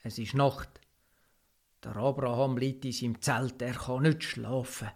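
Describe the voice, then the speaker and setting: A man narrating a Bible story for children in a gentle, hushed manner. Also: medium pitch, fairly even intonation, a little slow.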